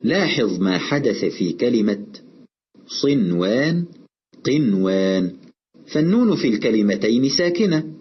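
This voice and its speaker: A man narrating a scripted lesson in a measured, explanatory way, slowing down to recite examples. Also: medium pitch, big pitch swings, breathy edge, muffled recording. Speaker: Quran recitation teacher.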